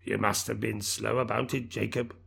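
A man voicing a fearful, humbled old miser with a low, faltering voice. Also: flat delivery, normal speed, vocal fry, fairly bright tone, husky, exaggerated voice. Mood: imploring.

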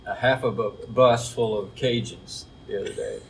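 A man's voice: on the low side, moderate pace, over a noisy crowd. A laid-back man chatting as a podcast guest. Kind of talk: casual chat. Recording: distant mic with noise.

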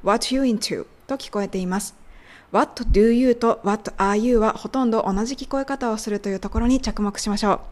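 A woman whose native language is Japanese, hosting an English lesson podcast, explaining and slowly modeling English phrases. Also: on the high side. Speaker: English teacher.

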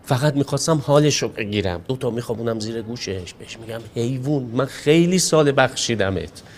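A man's voice: mid-range voice, expressive, lightly acted. An actor playing a resentful man pleading his innocence in a TV drama, bitter and defensive. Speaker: series character. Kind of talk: TV drama dialogue. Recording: TV clip with faint noise.

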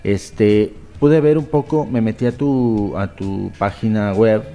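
A man's voice: fairly low pitch, steady tone, slow, warm tone, faint music behind. A man with a Mexican accent hosting an interview, effusive and rambling, with many restarts. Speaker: interviewer host. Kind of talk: casual interview.

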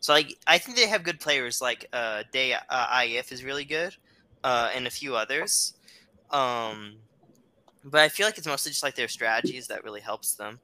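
Bright, dry-voiced gamer bro. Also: male voice, medium pitch, animated, normal speed, dry recording. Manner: teasing, says bro a lot. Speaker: podcast co-host. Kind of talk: casual gaming chat.

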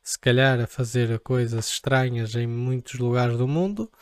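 Heard in studio quality with no room sound, a young vlogger from Portugal speaks at a moderate pace in a clean, medium-pitched voice. Joking and rambling in his European Portuguese accent, he keeps throwing in playful asides to the camera.

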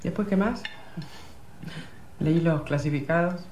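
An actress playing a wife chatting casually at home in a film scene. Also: female voice, fairly low pitch, takes it slowly, a little mellow, slight background noise. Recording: echoey film audio.

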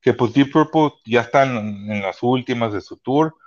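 A man, telling concert stories as a podcast guest in a casual, profane, animated way. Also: mid-range voice, moderate pace, highs cut off. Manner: profane, animated, many restarts. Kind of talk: casual storytelling chat. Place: Chula Vista hospital.

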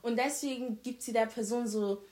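Loud, emphatic young woman. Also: on the high side, steady tone. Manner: emphatic, quick bursts, says "ich schwör". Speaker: podcast guest. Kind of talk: casual chat.

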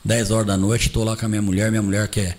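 A middle-aged man, a guest who plays Santa Claus for charity, telling a story in an animated, emphatic way in a casual interview. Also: on the low side, racing, slight background noise.

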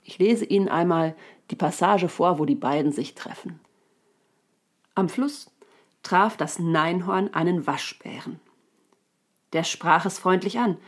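A woman pastor giving a short recorded devotion by telephone, speaking calmly and reading a story aloud. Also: lowish voice, measured pace.

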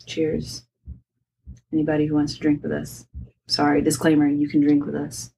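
A woman's voice: low-pitched, monotone, moderate pace, vocal fry, mellow. A woman in casual chat, playful and laughing often, with lots of fillers. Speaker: co-host of a drinking game chat. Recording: far from the mic with faint noise.

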